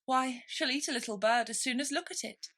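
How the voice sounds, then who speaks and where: A woman's voice: high voice, brisk, fairly bright tone, pitched above the performer's own voice. A woman voicing a polite, curious little girl in a storybook, speaking in an earnest, eager way.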